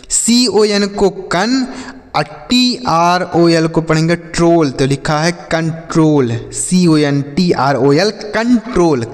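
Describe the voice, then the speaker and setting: A man with a slightly raised voice leads an English phonics lesson like a teacher in front of a class. He spells words out slowly, letter by letter, and keeps asking what they read. A long reverb trails behind his speech. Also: a little high. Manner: repetitive call-and-response questioning.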